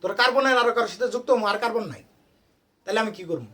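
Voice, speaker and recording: Man, tutor, quick pace, high voice, keeps quizzing students. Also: sharp tone. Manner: quizzing students with constant questions. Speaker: private tutor. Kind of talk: informal classroom lesson.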